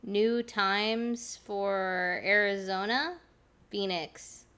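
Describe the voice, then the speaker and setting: A woman's voice: mid-range voice, extremely slow, fairly bright tone, smooth. A woman streamer giving casual reaction commentary into a desk mic. She is chatty, exclaims often and swears freely. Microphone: desk mic with adjustable gain.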